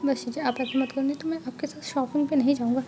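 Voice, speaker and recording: A woman's voice: high-pitched, fairly even intonation, fast talker, mellow, a little hiss or hum, natural voice. Woman reading as a shy young man. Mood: bashful. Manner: bashful, pleading.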